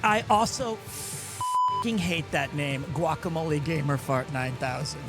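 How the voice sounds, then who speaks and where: A man's voice: a little high, wildly swooping pitch, unhurried, loud music behind the voice. A man in his forties from Missouri, chatting loosely on a live stream, joking about himself and restarting his sentences. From Missouri, USA. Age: 40s. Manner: goofy, self-mocking, stumbles and restarts. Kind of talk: casual live-stream chat.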